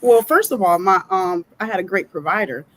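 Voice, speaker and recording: A woman panel guest on a video call, speaking haltingly with many fillers. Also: medium pitch, expressive, low-quality recording. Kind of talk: casual panel talk.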